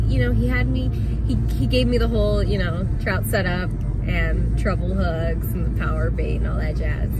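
A woman's voice: on the high side, low-quality recording. A young woman talking casually to the camera from inside a car, rambling with many ums and restarts. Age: young adult. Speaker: angler vlogger. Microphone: phone camera mounted on the dashboard. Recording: car recording with loud music behind.

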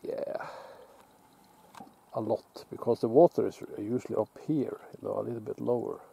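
A lowish, slightly rough voice with vocal fry belongs to a Norwegian outdoor vlogger speaking English with a Norwegian accent. Fishing alone at a lake, off camera, he muses in a relaxed, halting way full of restarts. The casual self-filmed commentary is picked up by a camera on the shore.

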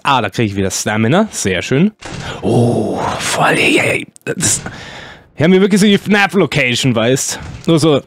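A man commenting excitedly on a horror game as a let's-play host, exclaiming and yelping often. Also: medium pitch, no echo. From Germany. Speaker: gaming YouTuber.

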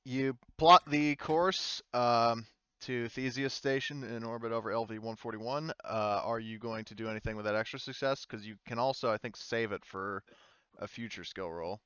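A man serving as game master informally narrates and explains an online tabletop roleplaying game, his phrasing hesitant. His mid-range voice is fairly even, bright, forceful, clear, and resonant at a normal speed, with no echo but lo-fi sound.

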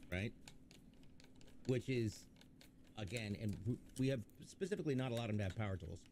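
A fairly low, mellow male voice speaks at normal speed but with plenty of animation, and there's a slight hiss or hum. He's hosting a PC build livestream, chatting casually, cracking jokes and reading viewer questions aloud.

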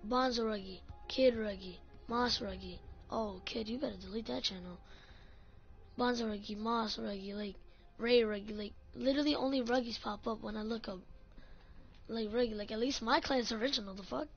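A woman's voice: on the high side, moderate pace. A woman ranting in a casual vlog about her gaming clan, swearing often and saying "like" a lot. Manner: ranting, profane, full of "like". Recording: dull lo-fi audio, faint music.

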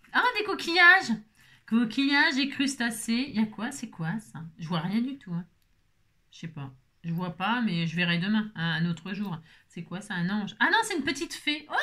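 A woman's voice: lowish voice, fairly bright tone. Chatty, playful woman crafter. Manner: chatty, playful, exclamatory, talks to herself. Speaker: papercraft vlogger. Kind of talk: casual chat while opening mail.

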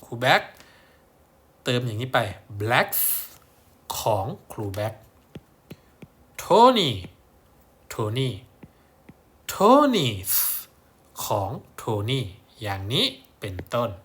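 A man's voice: lowish voice, steady tone, a little slow, a bit bright. A man teaching primary-school English in a recorded lesson, repeating words for pupils to copy. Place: at a whiteboard or screen.

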